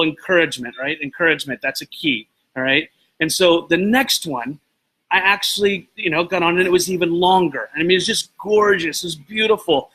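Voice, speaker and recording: Man, casual motivational chat, excitable and rambling, bright forceful tone, slightly high voice. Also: husky, rough recording. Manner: excitable, rambling, greets viewers by name mid-story. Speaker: host of a live video show. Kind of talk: casual motivational talk to live viewers.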